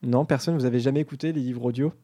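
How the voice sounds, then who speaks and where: A man's voice: mid-range voice, fairly even intonation, racing, warm tone. A man hosting a casual group discussion, talking with frequent hesitations and fillers. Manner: hesitant, many fillers, friendly. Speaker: discussion host.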